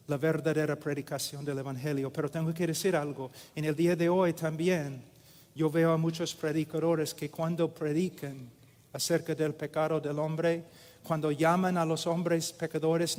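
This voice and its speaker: A man preaching a sermon in a slow, deliberate way with many pauses. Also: on the high side, darkish tone. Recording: echoey hall with long reverb.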